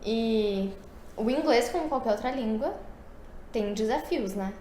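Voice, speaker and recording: A woman's voice: on the high side, animated, a little slow, warm tone. Woman co-host in an echoey room. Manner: reflective, asks thoughtful follow-up questions. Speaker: podcast co-host asking questions. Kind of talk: casual podcast chat. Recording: roomy echo with faint background noise.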